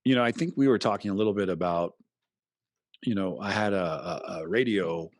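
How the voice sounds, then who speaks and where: Deep voiced guy, ex radio host, chatty podcast guest, pretty dry sound. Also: a little fast, no echo. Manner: animated, talks in long stretches, acts out quotes. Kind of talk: casual interview chat.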